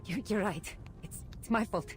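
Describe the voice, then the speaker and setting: A meek young cult follower, voiced by a woman in a video game, stammering her words humbly. Soft game music plays behind her. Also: medium pitch, moderate pace, natural voice.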